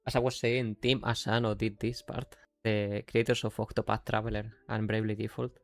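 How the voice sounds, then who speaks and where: In a flat, brisk delivery and a fairly low pitch, a Yorkshire man chats through his game stream, rambling and leaving sentences unfinished in casual live commentary.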